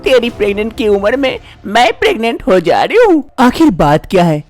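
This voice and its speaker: A shrill, sharp-tongued mother-in-law, as a woman puts her on for an animated drama. She nags and scolds with sarcasm. Her voice leaps up high and swings widely. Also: a little fast, faint music behind. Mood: bewildered.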